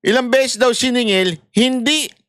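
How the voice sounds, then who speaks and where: A man's voice: extremely high pitch, normal speed, a bit bright, clean tone, no echo, clean studio sound. A man from the Philippines giving heated commentary to his viewers, laughing often and swearing between apologies. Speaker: online commentator.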